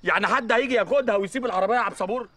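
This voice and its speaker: A high-pitched, fairly bright voice racing along very fast belongs to an actor in Egyptian TV comedy. He plays Abbas, a sarcastic friend at a crime scene who keeps joking and mocks his panicked companion in Egyptian Arabic.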